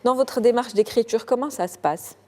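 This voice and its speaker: A woman's voice: fairly high pitch, normal speed, a little mellow. A woman hosting a TV culture interview in a studio, formal and polished in her introductions, with occasional hesitant fillers in her questions. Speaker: TV culture show host.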